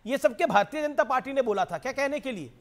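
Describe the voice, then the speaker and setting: Man, very high voice, news anchor, debate moderator, interjecting, pointed questions. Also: lively intonation, quick pace.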